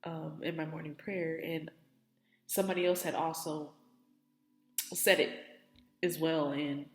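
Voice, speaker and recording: A young woman, close to tears, talks through her faith in a rambling, heartfelt way, leaning on "like" and "you know". Her voice sits a little low. The room around her is echoey, with a long reverb tail. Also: steady tone, measured pace. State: teary, on the verge of crying. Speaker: faith vlogger. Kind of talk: emotional personal testimony.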